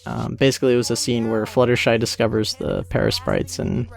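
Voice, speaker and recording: A young man who created a series hosts a casual audio commentary, chatty and amused. His mid-range voice is creaky, a touch fast, and swings wildly in pitch, with faint episode music behind him.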